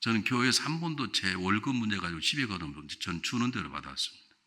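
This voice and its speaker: An older male revival preacher with a lively, animated voice that swings from loud, ringing exclamations to quiet storytelling. His tone is bright and forceful, and he sits low in pitch. He keeps putting questions to the congregation. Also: fast talker. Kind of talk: revival sermon. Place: church sanctuary.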